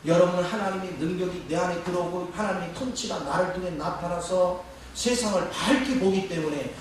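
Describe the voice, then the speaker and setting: A man's voice: high-pitched, fairly quick, recorded from a distance, slight background noise. A man preaching a sermon to his congregation, asking rhetorical questions as he goes. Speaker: pastor. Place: church sanctuary. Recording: echoey church hall, mic from afar.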